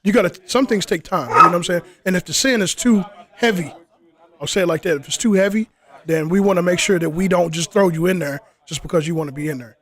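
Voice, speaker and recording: A man interviews people for a casual outdoor podcast in the cold, acting as both interviewer and group leader. His voice sits high and a bit bright, his pace is quick, and he keeps tossing in "you know what I'm saying."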